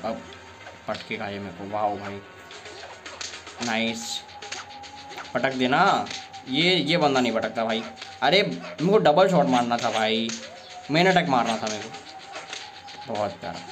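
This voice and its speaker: Excitable young man commentating gameplay. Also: medium pitch, a little slow, pauses often, music in the background. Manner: excitable, frequent exasperated outbursts. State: sore throat. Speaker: gameplay streamer.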